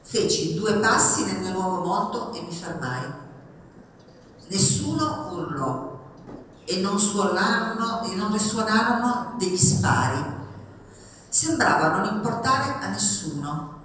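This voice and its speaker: A woman reading passages of a memoir aloud at a public event, expressive and rising in pitch on the lively parts. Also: takes it slowly, a little hiss or hum. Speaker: reader at a book event. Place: public event in a reverberant hall. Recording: echoey hall, mic far off.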